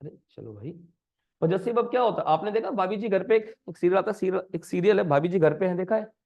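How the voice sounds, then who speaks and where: एक पुरुष शिक्षक ऑनलाइन व्याकरण कक्षा पढ़ा रहे हैं, बीच बीच में अंग्रेज़ी शब्द बोलते हुए और छात्रों से बार बार सवाल पूछते हुए।. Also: male voice, high-pitched, lively intonation, quick pace. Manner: coaxing students with repeated questions; mixes Hindi with English terms. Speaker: grammar teacher. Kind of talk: live online grammar lesson. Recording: dull lo-fi sound.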